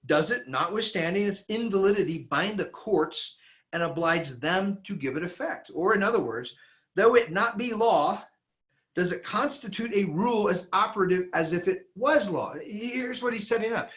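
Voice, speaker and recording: A man giving an emphatic, animated lecture that he reads from a handout, with frequent restarts. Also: sits high. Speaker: teacher.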